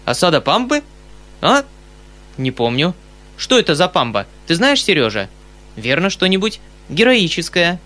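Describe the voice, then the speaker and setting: A man voicing an excitable, kindly middle-aged colonel who exclaims loudly and fusses eagerly, in an audiobook reading. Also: sits high, moderate pace, pauses often, voice pushed up, heavily acted. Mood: excited. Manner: loud exclamations, eager and fussy.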